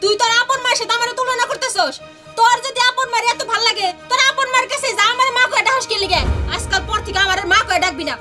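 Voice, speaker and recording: A woman playing a harsh, bitter village stepmother who scolds and threatens. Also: fast. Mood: scolding. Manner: shrill scolding, threatening, mocking. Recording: music playing under the voice.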